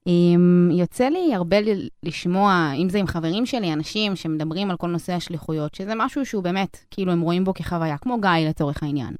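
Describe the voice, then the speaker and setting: A woman's voice: on the low side, hardly any pauses, darkish tone, dry recording, clean studio sound. A young woman with an Israeli accent, interviewing in a casual, conversational way. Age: young adult.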